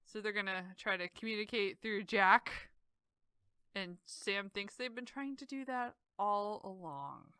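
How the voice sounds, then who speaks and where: Woman co-host, bright crisp voice, wry casual recap, quick retelling. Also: medium pitch, no echo. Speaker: podcast co-host. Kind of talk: casual episode recap chat.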